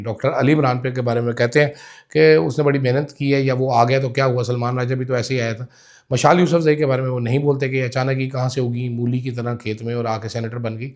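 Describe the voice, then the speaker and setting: A man's voice: medium pitch, a little mellow. A man with a Pakistani Urdu accent, delivering a political commentary monologue with sarcastic, mocking asides.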